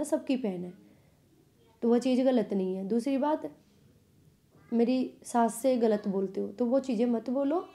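Young woman vlogger, warm dark tone, earnest and repetitive. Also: fairly high pitch. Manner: earnest, pleading, repeats phrases. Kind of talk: casual direct-to-camera vlog.

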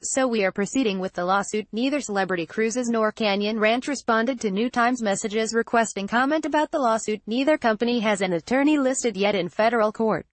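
Woman reading a news story, even steady delivery, dry close mic. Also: on the high side, brisk, hardly any pauses, dry recording. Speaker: news narrator. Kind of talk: scripted news narration.

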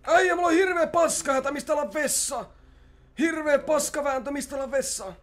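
A man playing a brash, foul-mouthed young criminal in a game roleplay, loud and frantic, swearing and threatening. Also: very high voice, pitched above the performer's own voice. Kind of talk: GTA roleplay, in-character shouting and swearing.

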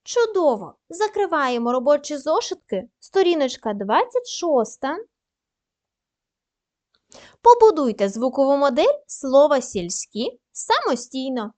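A woman teaching a primary school class, dictating slowly and carefully and praising the pupils often. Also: sits high, very animated, darkish tone. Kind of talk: recorded lesson for young pupils.

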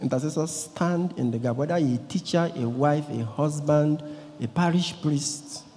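A man in his thirties with a Nigerian English accent, a priest preaching a lively sermon into a handheld microphone, acting out voices and swinging between loud and quiet. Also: a little high, normal speed. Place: large church, indoors. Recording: long church reverb.

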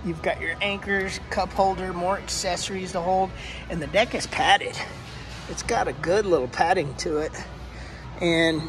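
A man casually filming a first-person walkthrough vlog in a large indoor boat showroom, talking in an excited, exclaiming, chatty way. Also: high voice. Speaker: fishing vlogger touring a boat.

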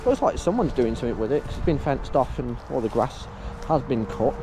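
Exploring an abandoned outdoor site on his vlog, a man chats fairly quickly in a medium pitch with big pitch swings. He thinks aloud and keeps calling out "guys" to viewers as he walks. Background music plays over a noisy background.

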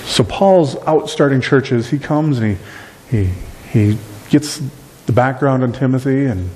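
A middle-aged man preaches with animated emphasis from the pulpit of a small church. His voice is mellow and dark, and it rings out in a long hall reverb, picked up by a camera at the back of the room. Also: mid-range voice, a little slow, slight background noise. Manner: animated preaching with wide gestures. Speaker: pastor. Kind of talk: sermon. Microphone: far camera at back of room.

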